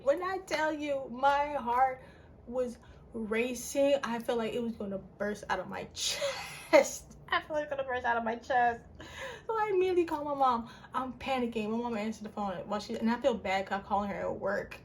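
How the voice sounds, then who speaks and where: A young woman casually telling a personal story on her channel, her voice jumping up in pitch and full of "like" fillers. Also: normal speed, a little hiss or hum. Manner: animated, with big pitch jumps and frequent "like" fillers. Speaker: vlogger.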